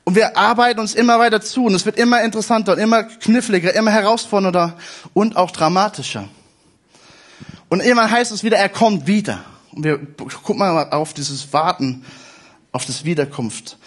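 A male preacher with a notably high voice delivers a sermon to his congregation. He speaks emphatically, hammering points home by repeating phrases. He is heard at a church service. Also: brisk, a bit bright.

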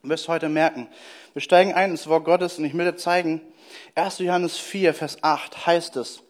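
A man giving a lively sermon to his congregation, talking casually and directly to his listeners and slowing down to quote scripture. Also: a little high. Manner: casual and direct, addressing the listener as "du" with frequent "hey"; slows down and drops his voice for quoted Bible verses. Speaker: preacher.

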